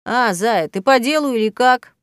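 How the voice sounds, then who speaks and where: Self-important tomcat professor, huffy and stern, bursts high and loud when offended, read by a woman, dry close audiobook sound. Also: animated, normal speed, smooth, no echo, lightly acted. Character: pompous male cat professor, fussy and touchy. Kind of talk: audiobook character voice.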